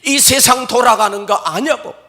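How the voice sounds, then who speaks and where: God as a stern, probing questioner, voiced by a male preacher, high and bright, firing sharp questions. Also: moderate pace. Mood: questioning.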